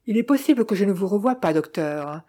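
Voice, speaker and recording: A woman's voice: mid-range voice, expressive, brisk, warm tone, natural voice. A woman reading the part of a polite, earnest young man.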